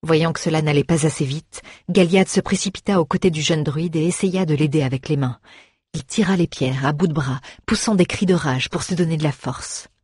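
Low husky woman reading a story. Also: no room sound, clean studio sound. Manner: steady, measured storytelling. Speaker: audiobook reader. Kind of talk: scripted fantasy narration.

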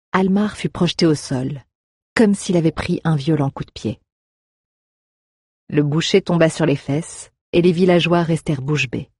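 A woman narrates an audiobook with an expressive, storytelling delivery. Her voice is somewhat husky, and the recording is dry and close. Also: deep voice, no echo.

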